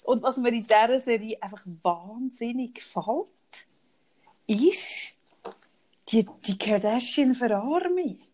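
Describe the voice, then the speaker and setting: A woman's voice: fairly high pitch, lively intonation, takes it slowly, a little mellow. A woman in her thirties with a Swiss German accent, co-hosting a podcast in casual chat, teasing and laughing often. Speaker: podcast co-host.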